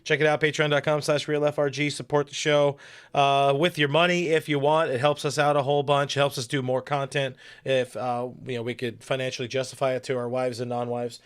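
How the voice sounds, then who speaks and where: A man's voice: medium pitch, flat delivery, a little fast, smooth. A man hosting a sports podcast, chatting loosely and joking through his sign-off. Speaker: podcast host. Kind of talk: casual chat.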